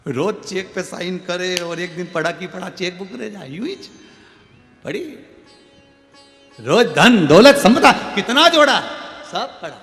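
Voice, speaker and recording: A man preaching a devotional sermon, telling a scripture story with theatrical, animated delivery, over a mic in a large echoing hall with soft music. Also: high voice, a little slow, long pauses. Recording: echoey hall with long reverb, faint music.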